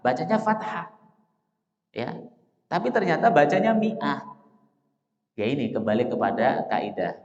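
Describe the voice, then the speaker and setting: A man teaching a dawn study lecture in a mosque, addressing listeners as Pak and Bapak Ibu, asking questions and answering them himself, and slowly reciting example phrases. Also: fairly high pitch, expressive. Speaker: Islamic teacher. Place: mosque hall. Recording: echoey mosque hall, dull lo-fi sound.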